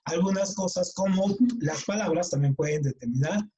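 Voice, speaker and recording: Mexican male teacher, middle-aged, relaxed mellow tone, chatty lecture with restarts. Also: high-pitched, moderate pace, slight background noise, low-quality recording. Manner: casual, chatty, frequent restarts and repeated words. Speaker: writing workshop teacher. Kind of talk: online class lecture.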